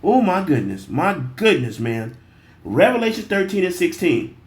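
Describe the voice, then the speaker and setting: This is a man with a fairly high voice, commenting in a heated, irritated way on a clip he is playing. He swears freely and talks directly to his audience. When he reads verses aloud, he slows right down. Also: very animated. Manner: irritated, profane, talks straight to viewers; reads scripture slowly and deliberately. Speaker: reaction video host.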